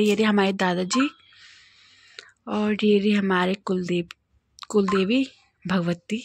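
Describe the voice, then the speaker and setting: A young woman with an Uttarakhand Hindi accent talks casually to her viewers in a fairly high voice. She is chatty and playful and laughs easily as she goes through her wedding album page by page. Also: no room sound, clean studio sound. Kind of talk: casual chat to camera.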